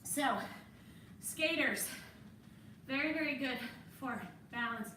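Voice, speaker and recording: Encouraging high-voiced woman fitness instructor. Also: slow pace, pushed and bright, roomy sound, distant mic, a little hiss or hum. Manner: encouraging, coaching while exercising alongside. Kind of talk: workout instruction while exercising.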